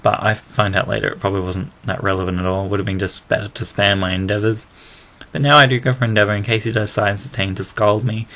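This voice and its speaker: A man's voice: on the low side, fairly even intonation, fast, creaky, sharp tone. A man with an Australian accent giving casual, rambling, self-deprecating commentary over a video game battle, recorded on a built-in laptop mic.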